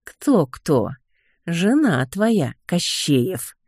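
Sly lazy talking cat, voiced by the narrator, slow drawl, husky, audiobook fantasy. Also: medium pitch, sing-song, darkish tone, no echo, studio quality, voice pushed up, full character voice.

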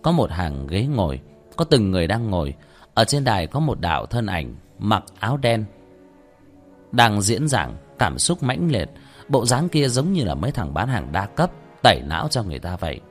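Lively, low-voiced male storyteller. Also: normal speed, slightly rough. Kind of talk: dramatic audiobook narration. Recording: faint background music.

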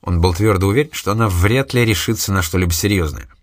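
Low-voiced male audiobook narrator. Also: fast, dry recording, studio quality. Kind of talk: scripted narration.

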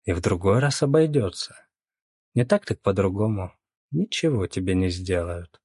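A man's voice: deep voice, lively intonation, moderate pace, a little mellow, slightly rough, no echo, clean studio sound. Sly young woman voiced by a man. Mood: coaxing. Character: sly confident young woman, worldly and teasing.

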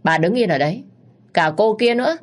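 A woman's voice: medium pitch, animated, fairly quick, pitched above the performer's own voice, lightly acted. Woman voicing a furious protective mother. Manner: shouting, scolding.

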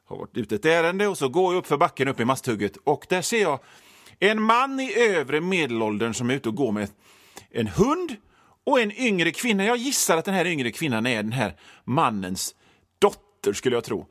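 A man telling a rambling comic monologue, improvising with a wry, animated delivery. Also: mid-range voice, no echo, clean studio sound.

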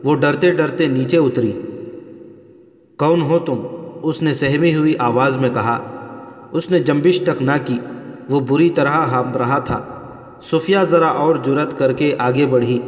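A man narrates a novel in a steady, dramatic manner. His voice sits at a middling pitch for a man. The recording is dull and lo-fi, with a roomy echo and a long reverb tail. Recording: dull lo-fi audio in a reverberant room.

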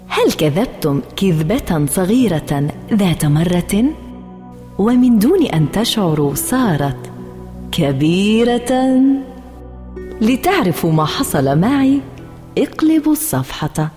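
A woman reading a children's story aloud in a playful, animated first-person voice, with a long hall reverb on the recording. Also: medium pitch, takes it slowly, pauses often, faint music behind.

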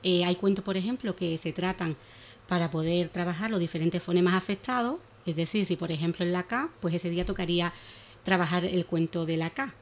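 A woman speech therapist talks on a radio morning show, explaining language exercises for children. She then reads a children's story aloud in an animated storytelling voice. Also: lowish voice, a little fast. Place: radio studio.

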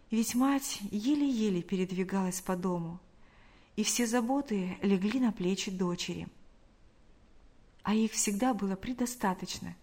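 A woman with a mid-range voice narrates an audiobook, reading from a script in a measured yet expressive way.

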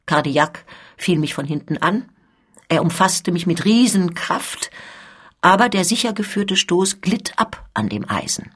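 A woman reading the part of a proud, soldierly male count who is a guard colonel, in a measured, emphatic manner. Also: lowish voice, big pitch swings, fairly bright tone, husky, heavily acted.

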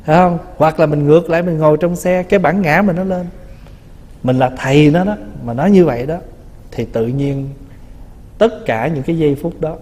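Buddhist monk giving a warm-toned dharma talk. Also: male voice, on the high side. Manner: conversational, teasing, acts out little quotes. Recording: long reverb of a hall.

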